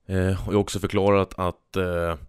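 A man's voice: low-pitched, level tone, clean tone, dry recording, studio quality. A man hosting a solo podcast, chatting casually and reading out jokes with a rambling, self-amused manner. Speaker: podcast host.

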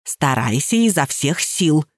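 Female reader voicing a commanding elderly woman, low-pitched, sardonic, dry close audiobook sound. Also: very animated, unhurried, no room sound, heavily acted. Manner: commanding and teasing. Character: stern, sardonic old woman pensioner, dog owner.

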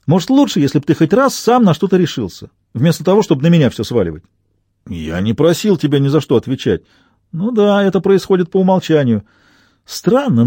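Male reader doing a bossy, hot-tempered man, pitched up, insistent and loud. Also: breathy edge, dry recording, clean studio sound, heavily acted. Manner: insistent, heated, shouting orders. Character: forceful man taking charge, quick-tempered.

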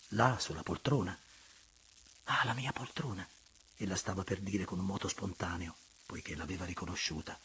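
Male narrator, lowish voice, measured literary reading with hushed moments. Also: husky. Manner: measured, expressive, at times hushed. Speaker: audiobook narrator.

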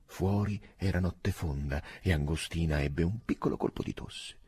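A man reading a novel aloud as an audiobook narrator, in a measured, expressive way. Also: sits low, slightly rough. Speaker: audiobook reader.

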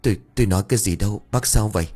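A man's voice: lowish voice, warm tone, breathy edge, faint music behind. A man playing a grieving, dazed old father. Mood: confused. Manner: choked, halting.

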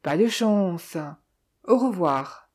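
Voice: medium pitch, expressive, extremely slow. A reader voicing a young, idle male heir who speaks in an offhand, detached way.

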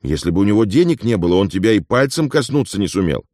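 A man reading an audiobook and voicing a boisterous, talkative older male companion who lectures in a lively raised voice. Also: on the low side, fast, dry recording, clean studio sound, pitched above the performer's own voice. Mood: scolding. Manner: loud, lively, mentoring.

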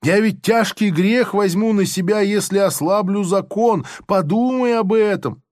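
A man's voice: high-pitched, unhurried, no room sound, studio quality, pitched above the performer's own voice. A man playing a sanctimonious, sadistic army officer who talks in a smug, moralizing way, in a storybook reading. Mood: smug, oily. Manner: unctuous, moralizing, then gleefully shouting.

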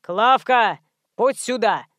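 A woman reading an audiobook, voicing a rude, half-blind old male guard who barks his words slowly. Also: fairly high pitch, lively intonation, a bit bright, dry recording, studio quality. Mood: scornful. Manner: gruff, barking, slow.

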